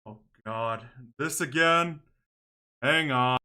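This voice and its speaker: Commentating casually on a game livestream, a male streamer thinks aloud and mutters to himself in short phrases. His voice is medium-pitched, slow, smooth, and sharp in tone.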